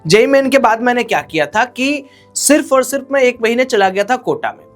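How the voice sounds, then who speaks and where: A man's voice: very high voice, lively intonation, fairly quick, faint music behind. A male exam coach giving direct, exhorting study advice to students, speaking straight to them as friends.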